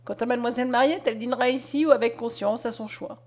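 Woman voicing a fatherly old doctor, calm, gently firm, storybook reading, fairly high voice. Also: fast talker, close to an everyday voice.

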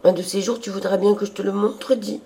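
A man's voice: measured pace, vocal fry, dark tone. Man putting on a bubbly, hungry girl. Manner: high, bubbly, coaxing. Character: cheerful childlike young woman, always hungry.

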